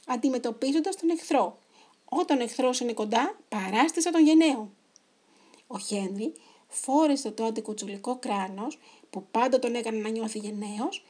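A woman reading a children's story aloud in an expressive, animated way. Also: a little high.

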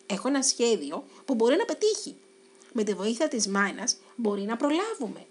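A woman's voice: a little high, very animated, breathy edge. A woman voicing a kind, eager female spider in a storybook. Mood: urgent. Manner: friendly, eager. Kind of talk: storybook reading.

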